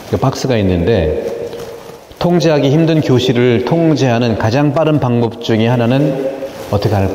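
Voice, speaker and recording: Priest with a mellow voice in an echoey hall. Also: male voice, lowish voice. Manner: lively, questions the audience, acts out noisy crowds. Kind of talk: sermon and teaching talk to parishioners. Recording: echoey hall with long reverb.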